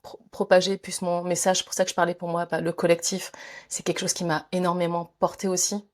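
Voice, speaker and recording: A woman's voice: lowish voice, little pitch movement, fairly quick. A woman from France, a guest in a conversational interview, thinking aloud with many fillers, restarts and frequent laughs. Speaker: guest, author and speaker.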